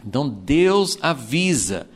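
Animated Brazilian man teaching the Bible. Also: medium pitch, takes it slowly. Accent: Brazilian Portuguese. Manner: animated, acts out quotes, frequent "né" fillers.

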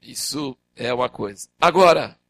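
An older man preaching a sermon, teaching from the Bible and acting out the figures' dialogue in raised, animated voices. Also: mid-range voice, moderate pace, no room sound.

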